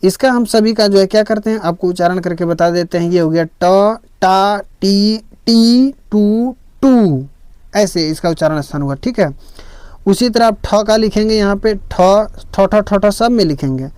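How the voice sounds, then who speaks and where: A male teacher walks through a lesson patiently, repeating each point. His voice sits high and sounds smooth and clear. The recording is dry and close. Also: moderate pace, darkish tone, no room sound. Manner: patient, repeats each step with frequent "theek hai". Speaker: Sanskrit teacher. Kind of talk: explaining a lesson slowly.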